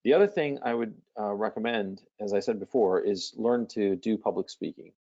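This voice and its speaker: A man's voice: fairly low pitch, normal speed, dark tone. Blunt, casual man coaching callers in a live webinar, slightly lo-fi sound. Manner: blunt, casual, swears freely.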